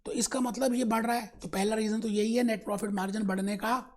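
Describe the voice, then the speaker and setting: A man lecturing on finance in a fairly high voice. He coaxes his students affectionately and keeps them on task. He drops in English terms and slows down for definitions. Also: fairly even intonation. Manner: coaxing, calls students "son", mixes in English terms. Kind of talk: classroom lecture.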